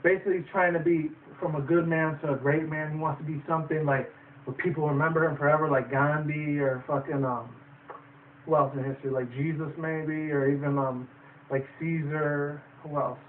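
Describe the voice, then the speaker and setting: A man's voice: a little high, fairly even intonation, moderate pace. A young man giving a loose, profane, rambling movie review. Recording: distant tinny phone-like audio with faint noise.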